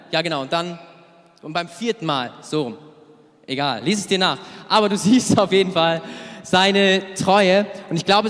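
A man preaching to young people, lively and casual, telling a story and acting out the characters' words. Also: a little high, in a large hall. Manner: lively storytelling with acted quotes, casual asides; loses his place, searches notes aloud. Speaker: youth preacher. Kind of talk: sermon.

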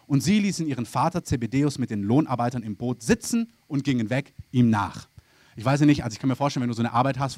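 A man's voice: fairly high pitch, a little mellow, no echo. A man preaching a sermon, moving between Bible reading and acted inner voices of everyday people.

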